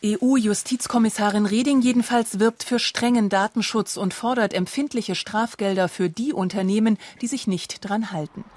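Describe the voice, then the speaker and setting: A woman voices a television news report from a script. She reads evenly and crisply. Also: medium pitch, moderate pace, hardly any pauses, a little mellow, no echo.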